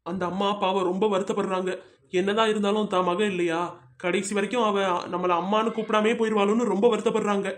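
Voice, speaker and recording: A shrill, very high-pitched young village housewife in a cartoon comedy, put on by a man. She is chatty and gossipy, telling stories at length and teasing her friends with nicknames. She sounds friendly and familiar with her company. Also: level tone, fast talker, close to an everyday voice.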